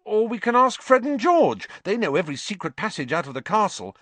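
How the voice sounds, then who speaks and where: A man voicing an excitable, blunt teenage schoolboy wizard in a storybook reading, with eager, dramatic delivery. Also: medium pitch, normal speed, no echo, pitched above the performer's own voice. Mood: agitated.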